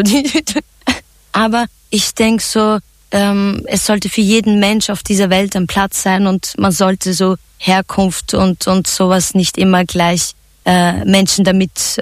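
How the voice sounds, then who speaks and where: A woman's voice: mid-range voice, a little slow, dry recording. Chatty woman singer, dry studio sound. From Turkey. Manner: relaxed, chatty, laughs often, many fillers. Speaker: singer and songwriter. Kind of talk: radio interview answers.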